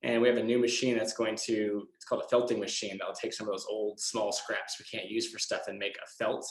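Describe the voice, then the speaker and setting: A guest speaker from an eco products company answers children's questions casually, in a plain, hesitant, self-deprecating way. His voice is fairly low with little pitch movement and a brisk pace, recorded in an echoey room.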